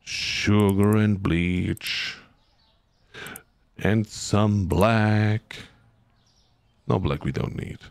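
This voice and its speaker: A lowish, gravelly male voice talks slowly and loosely to his viewers during a game. He hums and scats little tunes to himself between comments. The sound is close and dry, with no room around it. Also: steady tone, no echo. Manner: chatty, hums and scats to himself, reads chat aloud. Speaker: streamer. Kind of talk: casual gameplay commentary to chat.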